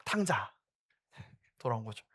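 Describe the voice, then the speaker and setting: A young man, a youth pastor, preaching a sermon that moves from storytelling to loud, urgent exhortation. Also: mid-range voice, very animated, a little slow.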